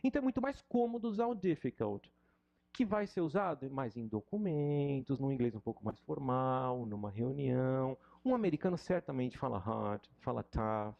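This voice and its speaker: A man's voice: mid-range voice, normal speed, creaky, lo-fi sound. A middle-aged man with a Brazilian Portuguese accent, an English teacher giving an informal, joking lesson and mocking his students. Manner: animated and joking, mocks students.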